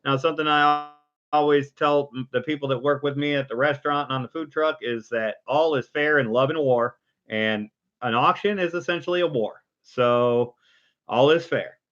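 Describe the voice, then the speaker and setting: A man's voice: medium pitch, normal speed, fairly bright tone. A man hosting a live online auction, mixing informal, rambling chat with a repetitive, rhythmic bid-calling chant. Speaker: auctioneer and stream host. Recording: dull, lo-fi microphone sound.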